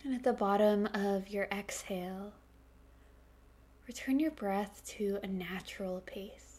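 A woman guides a meditation at a very slow pace. Her voice is soft and breathy, slipping into a calming whisper. The tone is husky rather than clear, at a medium pitch. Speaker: meditation instructor.

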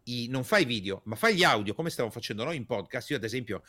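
A man coaching in a podcast conversation, emphatic and energetic, stressing key words by repeating them and asking rhetorical questions. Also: medium pitch, fast talker, dry recording, clean studio sound. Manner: gestures while speaking, energetic. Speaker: communication coach, podcast guest.

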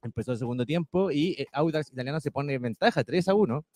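A man with a Chilean accent, telling a football story in a casual sports chat, animated and laughing as he goes. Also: on the high side, fast, dry recording. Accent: Chilean Spanish.

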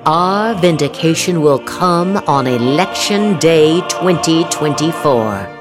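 Her low-pitched, expressive voice moves slowly as she dramatically performs written social media posts, drawing each word out. Music plays behind this woman host.

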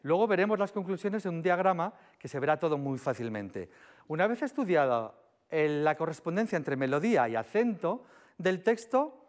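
A man giving a public lecture on Greek philology in a chatty, animated way, talking straight to the audience. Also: fairly high pitch, normal speed. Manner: animated, chatty, sings short demo syllables.

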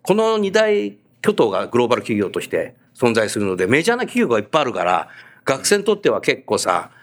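Speaking fast in a mid-range voice, this male host chats casually through an on-location interview, telling stories animatedly and frequently nodding along with his guest.

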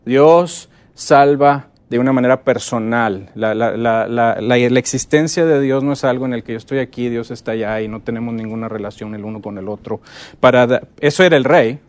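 A middle-aged man giving a conference lecture on teaching Bible stories, often checking in with his audience and slowing down to stress key words. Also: mid-range voice. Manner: lively, asks the audience frequent check-in questions.

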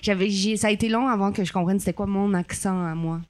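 A young woman chats as a podcast guest. She talks freely but hesitantly, stopping and restarting her sentences, at an ordinary middle pitch. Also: steady tone, quick pace, darkish tone. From Canada. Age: 20s. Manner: talkative, hesitant with many restarts. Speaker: guest actress. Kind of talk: casual podcast conversation.

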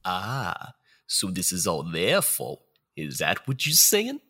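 Man doing a gangster ghost, raspy and bright. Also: low voice, huge pitch swings, slow pace, exaggerated voice. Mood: tough. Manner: streetwise gangster slang, gruff. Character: tough mobster ghost of future, menacing. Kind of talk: comedic audio drama.

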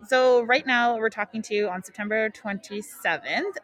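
A woman's voice: on the high side, moderate pace, fairly bright tone. A woman hosting a casual live podcast at a wedding show, talking informally through a face mask and often breaking off mid-thought. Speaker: podcast host and wedding planner. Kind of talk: casual live talk to listeners.

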